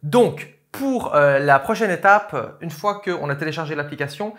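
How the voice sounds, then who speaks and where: A man's voice: on the high side, animated, normal speed, a bit bright. A man vlogging casually as he tests an app, talking in a chatty way and hesitating with many fillers, recorded on a camera on a tripod. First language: French. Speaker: tech vlogger. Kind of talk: casual tutorial vlog. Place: indoor room with a neon light. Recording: echoey room.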